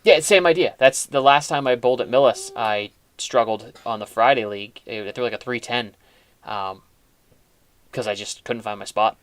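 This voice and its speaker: A man's voice: medium pitch, moderate pace, a bit bright, no echo. A man hosting a casual chat, talking in a chatty, rambling way with frequent restarts. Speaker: host.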